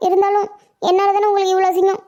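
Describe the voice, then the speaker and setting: Cartoon role: voice actor doing a high, rapid-fire village housewife with a Tamil Nadu accent, devoted and patient. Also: completely flat delivery, dark tone. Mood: regretful. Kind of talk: cartoon voice acting.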